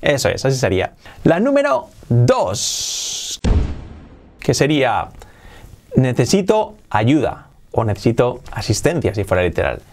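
A man teaching English phrases in a video lesson for Spanish speakers, repeating each one slowly to model the pronunciation. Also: mid-range voice, big pitch swings.

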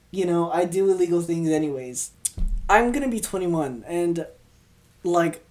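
A woman in her 20s, twenty years old, hosts a solo podcast, rambling through casual chat and stumbling over her words in an upbeat way. Her voice is fairly low in pitch with a warm tone. She's recorded on a podcast mic and also filmed for video.

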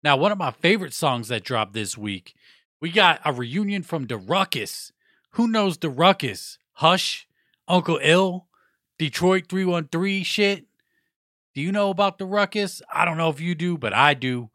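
A young podcast host speaks unhurriedly in a voice on the high side with lively intonation, captured in clean studio sound without echo. On his casual hip hop show he talks loosely with slang, cursing, and shout-outs, his nose stuffed up.

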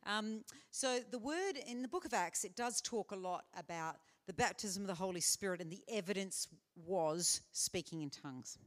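A woman's voice: mid-range voice, animated, normal speed, hardly any pauses. A woman speaker answering questions in a live teaching session, earnest and conversational with frequent fillers. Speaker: conference speaker. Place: conference hall.

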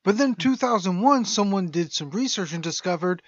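A man's voice: high voice, animated, a little fast, no room sound, dull audio. A man co-hosting a casual podcast, joking, swearing and laughing a lot. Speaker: podcast co-host. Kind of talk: casual chat.

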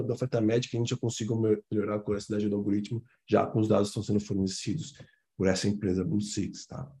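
Man, slightly low and warm, loose filler-heavy meeting presentation. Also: reverberant. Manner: casual, many fillers and slang interjections. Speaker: presenter at a business committee meeting. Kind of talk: informal business presentation.

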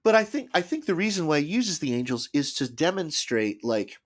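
A man's voice: a little high, sing-song, a little fast. A man co-hosting a casual podcast, tentatively explaining a book at length. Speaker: podcast co-host.

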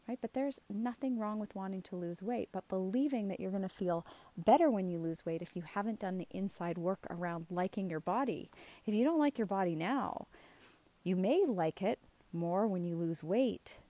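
On her show, a middle-aged woman coaching self-esteem speaks with a medium-pitched, mellow voice, animated and at normal speed. She gives a casual yet earnest motivational talk out of the side of her mouth, checking in through emphatic questions.

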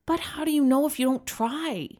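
A woman's voice: sits high, moderate pace, darkish tone, voice pushed up, lightly acted. A woman voicing an awkward, doughy male coworker in his late thirties who stammers and pleads. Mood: pleading.

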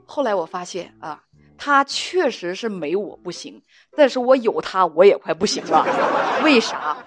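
A woman hosting a talk show, telling a relationship story in a chatty, animated way and acting out the quotes. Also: medium pitch, moderate pace, faint music behind. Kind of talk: storytelling monologue.

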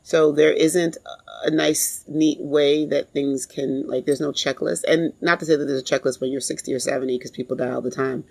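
A woman in her forties telling a personal story in a reflective, halting way. She is grieving and pauses often to compose herself. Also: sits low, fairly even intonation, vocal fry, poor audio. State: grieving, emotionally strained.

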